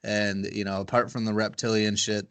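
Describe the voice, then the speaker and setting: A man's voice: fairly low pitch, level tone, moderate pace, clean tone. A man hosting a podcast over a video call, chatting casually, rambling and swearing. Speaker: podcast host. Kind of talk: casual chat.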